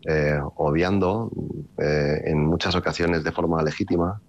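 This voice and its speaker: A man's voice: sits low, fairly even intonation, unhurried, highs cut off. A middle-aged man from the Country, an author chatting in an interview. He rambles with many restarts and a wry, ironic streak. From Basque Country, Spain. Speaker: novelist being interviewed. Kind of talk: casual interview talk.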